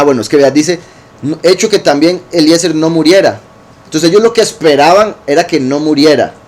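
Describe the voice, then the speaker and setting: A man teaching scripture in a relaxed, conversational way, often checking in with listeners and rephrasing as he goes. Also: on the high side. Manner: informal, rephrases as he goes, asks "¿verdad?" often. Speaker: teacher of a congregation.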